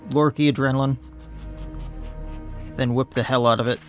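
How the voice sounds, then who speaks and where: A man's voice: mid-range voice, fairly even intonation, normal speed, faint music behind. A man, slightly losing his voice, commenting casually on his own gameplay and thinking aloud as he plays. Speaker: let's play host.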